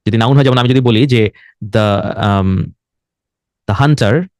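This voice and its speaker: A young man with a Bangladeshi accent whose first language is Bengali, teaching an online IELTS lesson. He explains things slowly, drops English words into his talk and writes on a board as he speaks. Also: on the low side, darkish tone, no echo, clean studio sound. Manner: writes on a board while talking.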